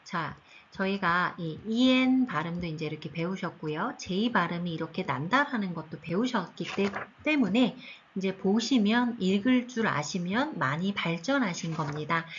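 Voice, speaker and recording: A woman teaching an online language class for seniors, speaking slowly and patiently and stretching out each tone as she demonstrates it. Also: fairly low pitch, animated, muffled recording, slight background noise. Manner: slow, patient, drawn-out tone demonstrations. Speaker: Chinese teacher. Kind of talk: recorded online lesson for seniors.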